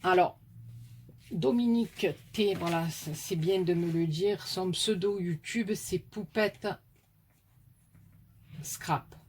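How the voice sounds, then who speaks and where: A woman's voice: fairly low pitch, slow pace, pauses often, darkish tone, a little hiss or hum. A woman with a southern French accent, chatting casually and affectionately to viewers as she opens mail from her crafting followers. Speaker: craft YouTuber opening mail.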